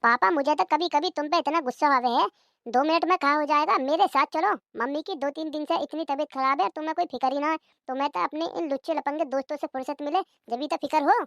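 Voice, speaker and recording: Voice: sits high, quick pace, a bit bright, dry recording, studio quality. A performer voicing a young son who nags his father. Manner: nagging and reproachful.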